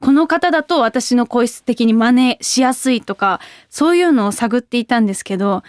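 A young woman hosting a radio show, chatting casually and reading listener mail with bubbly, excitable reactions. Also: on the high side, dry recording, clean studio sound. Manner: bubbly, excitable, quick exclamations.

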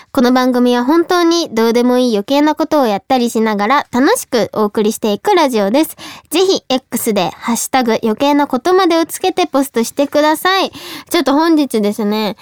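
A young woman chats as a radio host, fast and excitable. Her voice sits a little high. The studio sound is close and dry. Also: smooth, no echo. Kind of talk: casual radio chat. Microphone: studio microphone.

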